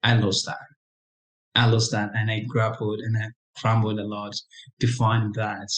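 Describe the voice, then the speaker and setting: A young man from Congo, an interview guest, telling his own story in a reflective, halting way with frequent restarts. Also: lowish voice, monotone, muffled recording. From Democratic Republic of Congo. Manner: reflective, halting, many restarts and "you know".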